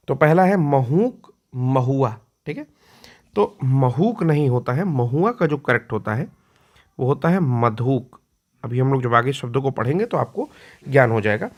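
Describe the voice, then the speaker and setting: This male teacher, whose voice sits on the high side, delivers a lecture preparing students for an exam. He explains things patiently, says key words again slowly, and frequently clears his throat.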